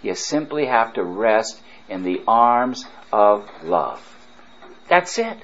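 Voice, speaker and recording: A priest preaching a retreat sermon, fervent and emphatic, drawing his phrases out slowly. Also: on the low side, sing-song, a bit bright, highs cut off.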